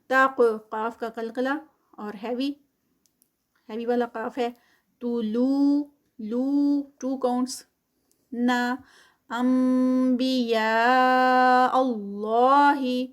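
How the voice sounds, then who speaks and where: A woman's voice: on the high side, little pitch movement, pauses often. A woman teaching Quran recitation rules with patient, step-by-step explanation. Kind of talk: tajweed lesson with recitation.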